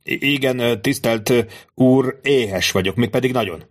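A man's voice: medium pitch, close to an everyday voice. A man voicing a fussy, ingratiating captive rich man who stammers and hesitates, in an audiobook. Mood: pleading. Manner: hesitant, stammering with filler sounds. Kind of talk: audiobook character voice.

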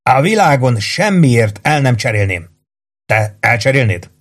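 A man's voice: mid-range voice, very animated, a bit bright. A man voicing a cheerful, proud male soldier from Texas who speaks earnestly and emphatically.

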